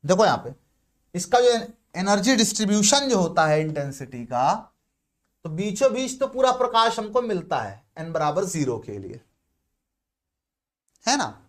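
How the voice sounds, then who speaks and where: Guy teaching a physics class, pretty high voice, keeps asking questions and answering them, says "theek hai" a lot. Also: sing-song, moderate pace, pauses often, a bit bright. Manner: asks questions and answers them himself, chatty asides to students; repeats key terms and says "ठीक है" often. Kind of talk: blackboard lecture in Hindi.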